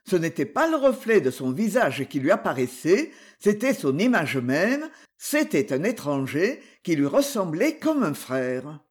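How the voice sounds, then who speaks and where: An expressive audiobook narrator reading a classic adventure novel. The voice is breathy, with lively rises and falls in pitch, carrying the action forward. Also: measured pace. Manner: expressive storytelling.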